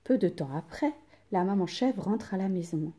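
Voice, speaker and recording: A woman reading a children's story aloud with expressive, unhurried storytelling. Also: medium pitch.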